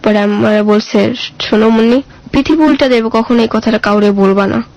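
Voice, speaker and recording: The sound is lo-fi, and the woman's fairly high, darkish voice moves briskly. She's a guest with a colloquial Bangladeshi Bengali accent, telling her own story plainly and casually while voicing remembered dialogue.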